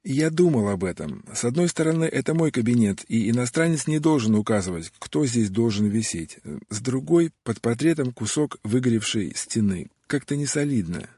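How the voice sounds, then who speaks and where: A man's voice: mid-range voice, expressive, moderate pace, dark tone, breathy edge, no room sound, studio quality. A man voicing a cautious, hesitant male colonel who defers to his boss. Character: timid fawning male colonel, unsure of himself.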